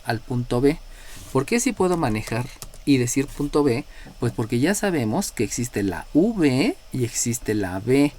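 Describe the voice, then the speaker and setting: A man's voice: mid-range voice, darkish tone, a little hiss or hum. Mexican man teaching a math class. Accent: Mexican Spanish. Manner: explanatory, checks in with frequent "¿no?", calls on students by number. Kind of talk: live class lecture.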